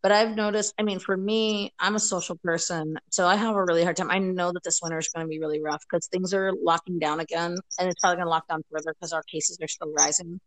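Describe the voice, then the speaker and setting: A woman's voice: fairly low pitch, steady tone, fast talker, hardly any pauses, low-quality recording. Chatty American-born woman on a call. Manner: chatty, rambling, many fillers. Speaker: podcast guest. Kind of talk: casual chat. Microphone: video call.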